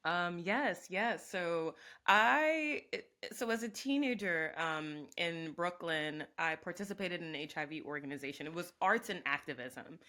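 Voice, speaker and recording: A woman in her thirties, from Jamaica, answering interview questions reflectively with many pauses. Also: lowish voice, expressive, pushed and bright. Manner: reflective, speaks in lists with many ums. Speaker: guest, professor and organizer. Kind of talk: conversational interview.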